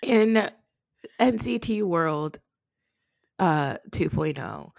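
A woman co-hosting a casual podcast while sick, her voice hoarse and raspy like a smoker's. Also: lowish voice, expressive, very slow, darkish tone. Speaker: podcast co-host. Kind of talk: casual chat.

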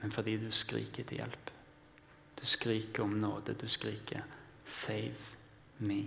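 Male preacher, mid-range voice, dramatic sermon delivery from loud to near-whisper, long hall reverb. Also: medium pitch.

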